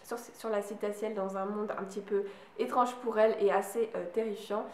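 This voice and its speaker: A woman's voice: mid-range voice, fairly even intonation, brisk, reverberant, slight background noise. A woman vlogging casually about books she bought, hesitating often with fillers and restarts. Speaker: book vlogger. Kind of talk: casual book haul chat.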